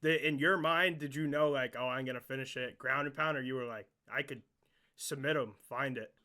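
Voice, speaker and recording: A man hosting a casual interview podcast, excitable and joking, swearing often as he asks questions. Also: mid-range voice, fairly quick.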